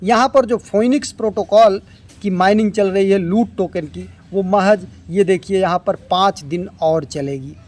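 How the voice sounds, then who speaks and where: High-voiced man giving a crypto app walkthrough. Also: measured pace. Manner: step-by-step instructive, mixing English terms into Hindi. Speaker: crypto earning tutorial host. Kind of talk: screen-recorded app walkthrough.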